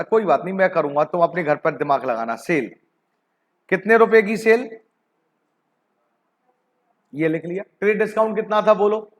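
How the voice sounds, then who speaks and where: A man with a high-pitched voice teaches an online accounting class. He keeps coaxing his students with repeated questions and calls them "beta ji". He reads the figures aloud slowly. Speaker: commerce teacher.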